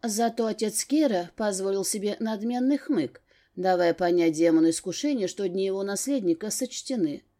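A woman narrating a first-person fantasy novel as an audiobook, in a measured, expressive reading. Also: mid-range voice.

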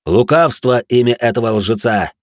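A man voicing a flattering male demon who speaks slowly and ceremonially. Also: mid-range voice, no echo, clean studio sound, close to an everyday voice. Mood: solemn. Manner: slow, ceremonial, pledging.

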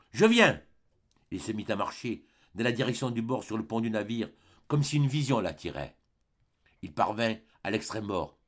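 A man reading a classic novel aloud as an audiobook, with expressive, theatrical phrasing. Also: on the low side. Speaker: audiobook reader. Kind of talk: dramatic audiobook narration.

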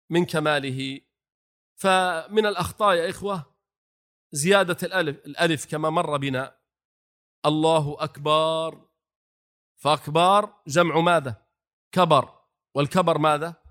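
A man delivering an Islamic lecture with a slightly higher voice. He speaks to his listeners as brothers and keeps asking them questions that he then answers himself. Now and then he recites short phrases aloud to show how they should sound. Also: fairly bright tone. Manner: demonstrates the call to prayer phrases aloud. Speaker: religious teacher.

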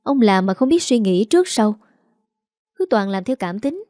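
A woman voicing a shrill, scheming young wife who nags her husband, in a Southern Vietnamese accent. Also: very animated, moderate pace, dark tone, no room sound, studio quality, lightly acted. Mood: shrill nagging. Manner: shrill, nagging.

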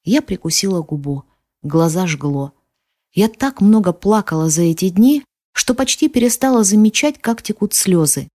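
Female audiobook narrator, mid-pitched, expressive, hushed at times, dry close mic. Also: moderate pace, no echo. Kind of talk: first-person audiobook narration.

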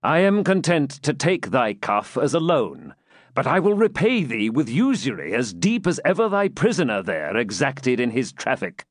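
A man voicing an armored knight who answers threats with calm, mocking courtesy. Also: medium pitch, normal speed, dry recording, studio quality. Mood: teasing. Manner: composed, mildly mocking.

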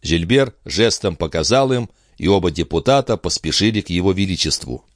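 A man narrating an audiobook in an expressive, steady storytelling manner. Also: low voice, a little fast, dry recording, clean studio sound. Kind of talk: scripted narration.

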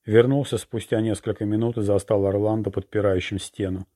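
Man, audiobook narrator, steady even reading, dark warm tone. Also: lowish voice, brisk. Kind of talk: scripted narration.

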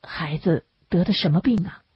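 Woman reading as a blunt working guy, husky, plain talk, dull dry sound. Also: fairly low pitch, moderate pace, no echo. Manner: plain, colloquial, muttering asides. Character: poor laborer man, blunt then kindly.

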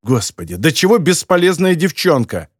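A man's voice: fairly high pitch, very animated, normal speed, breathy edge, no room sound, studio quality. A male narrator voicing a sarcastic, harsh newspaper editor who mocks and scolds. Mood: scornful. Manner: mocking, scolding.

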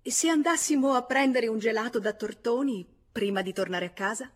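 Curt indignant young wife read by a woman, husky voice, audiobook. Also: fairly high pitch, brisk, voice pushed up, close to an everyday voice. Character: elegant young wife, cool and offended.

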